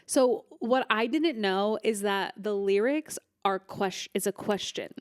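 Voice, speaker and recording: A woman's voice: medium pitch, measured pace, no room sound, studio quality. Chatty giggly woman podcast co-host. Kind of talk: casual chat.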